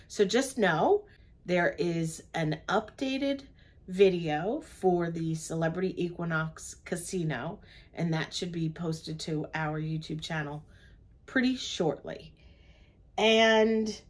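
Older woman with a low voice, chatting. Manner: chatty, recounts the day step by step. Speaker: travel vlogger. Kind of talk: casual chat. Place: cruise ship cabin, seated on a sofa.

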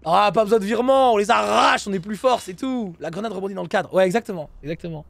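A man commenting live on his team's esports match, excitable, repeating himself and breaking into shouts. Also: sits high, quick pace, creaky, no echo.

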